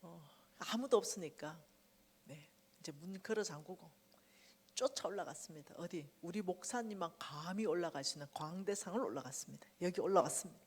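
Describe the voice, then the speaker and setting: A woman's voice: lowish voice, brisk, husky. A middle-aged woman giving a testimony sermon at a revival meeting, telling her story vividly. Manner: animated storytelling, acting out quotes loudly. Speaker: guest speaker at a church revival meeting. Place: church sanctuary. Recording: church hall reverb.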